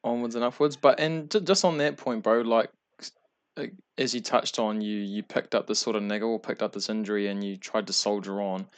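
A man's voice: fairly low pitch, fairly even intonation, a little fast. A man with a New Zealand accent hosting a casual interview, asking long rambling questions in friendly, slangy talk. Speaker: interviewer, podcast host.

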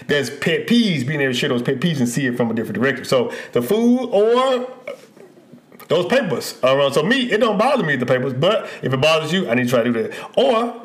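Animated, lively-voiced man chatting. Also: a little high, brisk. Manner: animated, laughs often, drifts into playful stories. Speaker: podcast co-host. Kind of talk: casual chat.

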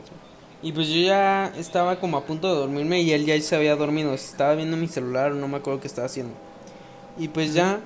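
A young man with a Mexican Spanish accent telling lively stories in casual chat with friends. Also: on the high side, slight background noise. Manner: animated storyteller, laughs through his stories.

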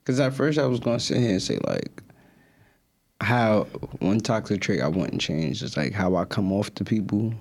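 A man co-hosting a casual podcast, his voice carrying a gravelly rasp. He rambles and hedges as he thinks aloud, filling gaps with "like". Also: lowish voice, lively intonation, moderate pace, a little mellow. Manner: rambling, hedging with "like". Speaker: podcast co-host. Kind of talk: casual chat.

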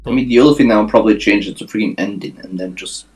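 A man's voice: lowish voice, very fast, darkish tone, rough recording. Laid-back teasing man co-hosting. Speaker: podcast co-host. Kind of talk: casual film review chat.

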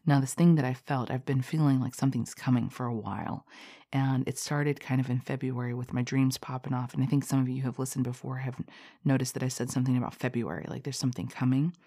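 A woman's voice: very deep voice, steady tone, quick pace, dark tone. A woman hosting a casual spiritual podcast, rambling and self-conscious, with nervous laughs.

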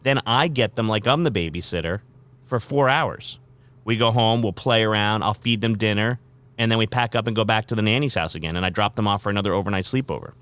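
A man's voice: on the low side, fairly quick, fairly bright tone, smooth. A man who hosts morning radio, chatting casually in an interview, rambling with lots of fillers and restarts.

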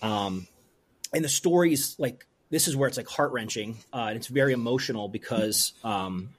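Earnest, halting man telling a story. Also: mid-range voice, breathy edge. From rural Pennsylvania. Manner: earnest, halting, with many restarts. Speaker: brewery owner, guest. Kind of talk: emotional interview storytelling.

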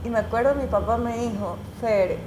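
A woman journalist, telling her own stories as an interview guest in an animated, emotional way, full of restarts. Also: fairly high pitch, a little fast, a little hiss or hum. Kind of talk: casual conversational storytelling. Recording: echoey room.

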